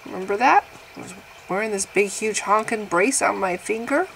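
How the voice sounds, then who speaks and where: A woman in her early fifties vlogs at home, making fun of her own aches with big dramatic swings in her voice. Her pitch sits in the middle of the range, and a faint hiss lies under the talk. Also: moderate pace, vocal fry, poor audio. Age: 50s. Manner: wry, exaggerated, laughing at herself, swings in pitch and loudness. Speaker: vlogger. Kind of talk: casual self-mocking monologue to camera.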